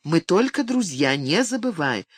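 Give me a reader voicing a lively self-assured woman trading jokes in an audiobook. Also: mid-range voice, a little slow, breathy edge, no echo, studio quality. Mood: brisk. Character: spirited confident woman, lively and teasing.

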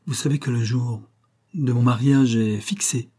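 A man voicing a grieving young woman who speaks in a trembling, halting way. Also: medium pitch, steady tone, mellow, lightly acted.

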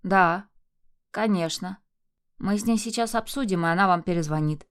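Lady doing a nasty sneering husband, loud and cruel, lowish voice, storybook villain. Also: normal speed, smooth, close to an everyday voice. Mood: mocking. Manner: sneering, then shouting insults. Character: abusive enraged husband, man, cruel and mocking.

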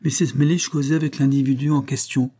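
A man reading an audiobook, voicing a prim, spiteful middle-aged widow who feigns gentle sweetness and insinuates. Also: mid-range voice, level tone, brisk, pitched above the performer's own voice, close to an everyday voice. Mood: insinuating.

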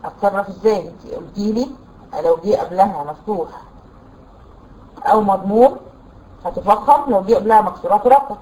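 A woman's voice: medium pitch, dark tone, rough recording. Egyptian woman teaching Quran recitation. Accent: Egyptian Arabic. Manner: explains patiently, recites examples slowly and drawn out; quizzes students with rhetorical questions. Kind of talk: tajweed lesson.

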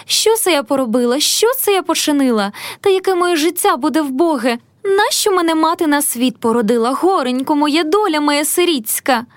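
A pampered young noblewoman from a storybook, voiced by a woman reading aloud, plaintive and lamenting. The voice sits high and swings widely in pitch. The sound is dry and close. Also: expressive, moderate pace, no room sound. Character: young tearful spoiled noble lady.

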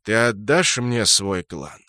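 A man voicing a calm, menacing male dark elf god who speaks slowly and coldly. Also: fairly low pitch, dry recording, studio quality, exaggerated voice. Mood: cold, commanding. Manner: slow, cold and commanding.

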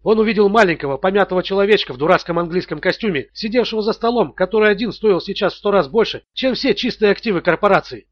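Male audiobook narrator, high voice. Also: animated, fast talker, hardly any pauses. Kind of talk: scripted narration. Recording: dull, dry audio.

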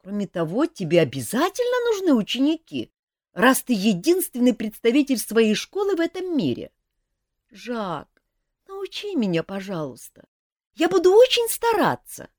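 A woman's voice: a little high, wildly swooping pitch, normal speed, a little mellow, no echo, clean studio sound, pitched above the performer's own voice. A woman voicing a young male elf prince who talks in an earnest, pleading way.

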